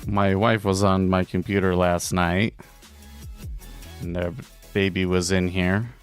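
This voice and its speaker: Low-voiced man chatting on a trading stream. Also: little pitch movement, smooth. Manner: casual, halting, repeats words. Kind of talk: live trading stream chat. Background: faint background music.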